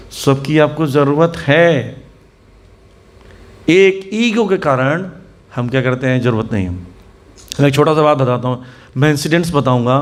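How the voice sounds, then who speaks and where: A man preaching to a seated audience, telling anecdotes, acting out the people in them and asking rhetorical questions. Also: mid-range voice. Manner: storytelling, acts out the people in his anecdotes. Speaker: spiritual teacher. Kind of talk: Hindi sermon to a seated audience, mixing English words.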